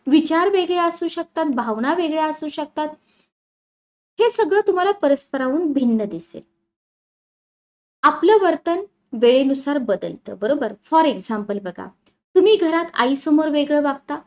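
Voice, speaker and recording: A woman's voice: sits high, lively intonation, normal speed, a little mellow, dull audio. A woman teacher giving an exam-prep lecture. She talks in a conversational way and keeps asking the class questions.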